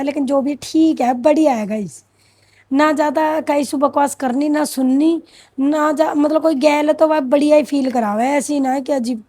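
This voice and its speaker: A woman's voice: high-pitched, mellow, no room sound. A young woman, chatting and joking with viewers in a vlog. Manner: teasing, joking running commentary. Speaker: vlogger. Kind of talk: casual vlog chat with viewers.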